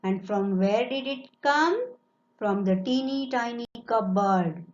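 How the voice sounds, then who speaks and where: A woman's voice: a little high, expressive, slow, darkish tone. A woman teacher, reading and explaining a story lesson, repeating phrases and explaining them. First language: Marathi. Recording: echoey room, dull lo-fi sound.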